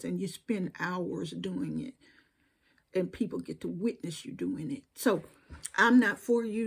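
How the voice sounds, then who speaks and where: A woman's voice: medium pitch, a little mellow, husky. A middle-aged woman with a Southern accent giving earnest, preachy commentary straight to camera and repeating phrases for emphasis. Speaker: video commentator.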